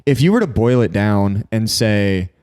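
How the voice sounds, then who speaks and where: A young man co-hosting a podcast in casual chat, earnest and hedging his points, quick to laugh. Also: lowish voice, animated, darkish tone, smooth. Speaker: podcast co-host.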